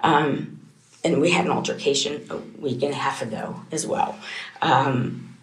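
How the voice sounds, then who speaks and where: A young woman questioned by police in an interrogation room, recounting a night at home in a halting, distraught way. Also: low voice, fairly even intonation, echoey room. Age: young adult. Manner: halting and distraught, voice rising as she talks. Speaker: suspect under police questioning.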